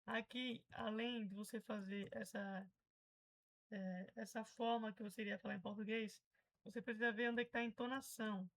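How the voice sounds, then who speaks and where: A woman's voice: fairly high pitch, steady tone, normal speed, a bit bright, low-quality recording. A Brazilian woman teaching English pronunciation in a casual, chatty way, patiently explaining and repeating example words.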